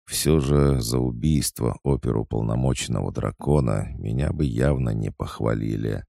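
Male audiobook narrator, steady storyteller, deep and mellow. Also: creaky, no echo, clean studio sound.

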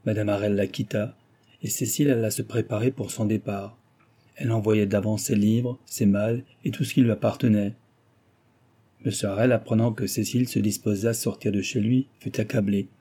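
A man narrating a classic novel as an audiobook in a steady, even storytelling manner, with a husky voice. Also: fairly low pitch, moderate pace. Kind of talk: scripted literary narration.

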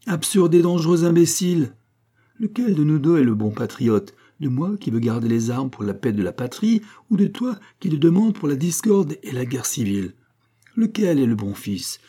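A man's voice: fairly high pitch, very animated, moderate pace, warm tone, pitched above the performer's own voice. A man reading aloud, voicing an indignant elderly priest in a declamatory, outraged way.

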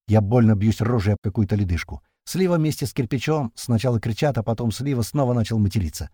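A man narrates a first-person battle story in rough, slangy prose. His reading moves a lot in pitch, and his voice is warm and a little husky. The recording is close and dry. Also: animated, no room sound. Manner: slangy, swearing, fast-moving action telling. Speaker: audiobook narrator.

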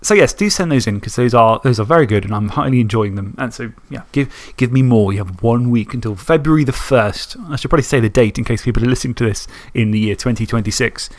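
A man's voice: mid-range voice, fast talker, hardly any pauses. A man co-hosting a podcast in casual, rambling, self-mocking chat. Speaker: podcast co-host.

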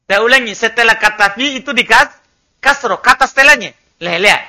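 A man's voice: very high-pitched, a little fast, pushed and bright. A man teaching an Arabic class, drilling students and correcting their pronunciation. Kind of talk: classroom language lesson.

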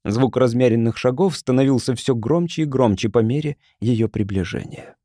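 A man giving an expressive, dramatic audiobook narration. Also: mid-range voice, normal speed, dry recording, clean studio sound.

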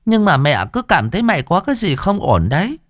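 A man's voice: sits high, big pitch swings, a little fast, no room sound, studio quality, pitched above the performer's own voice. Fussy, worried mother-in-law for a horror audio story, slightly raised voice, voiced by a man narrator. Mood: fussing. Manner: fussing, scolding. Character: concerned middle-aged mother-in-law.

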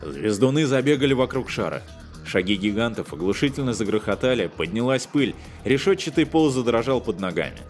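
Man, audiobook narrator, wry storytelling, mid pitch, faint music behind. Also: sing-song, fairly quick. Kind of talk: scripted narration.

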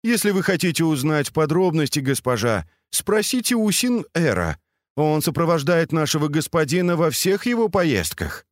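A man's voice: fairly high pitch, very animated, normal speed, no echo, studio quality, pitched above the performer's own voice. A man reading aloud, voicing an obsequious male servant who answers his mistress deferentially.

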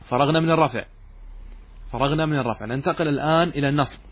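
Man, grammar lesson, slightly high voice, husky, step-by-step questioning. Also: rapid-fire. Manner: explains step by step, quizzing students with questions. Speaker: teacher of Arabic grammar.

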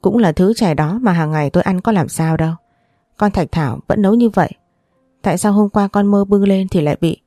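A woman's voice: medium pitch, brisk, mellow, dry recording, clean studio sound, soft background music, natural voice. A woman reading the part of a stern, commanding elderly grandmother in an audiobook, with a scolding, authoritative manner.

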